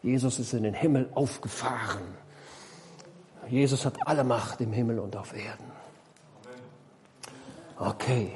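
A man's voice: mid-range voice, darkish tone. A man preaching a sermon, explaining a parable and questioning his congregation, emphatic and repeating key phrases.

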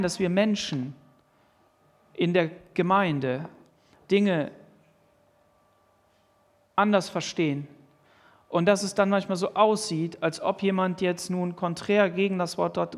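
High-voiced preacher in a reverberant hall. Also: male voice, slow pace, long pauses. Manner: earnest preaching, reads and explains Bible verses. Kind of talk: sermon.

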